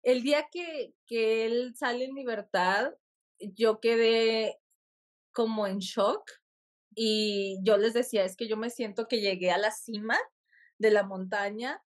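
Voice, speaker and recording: A woman, a podcast guest, telling a personal story in a lively conversational way and laughing often. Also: fairly high pitch, slow pace.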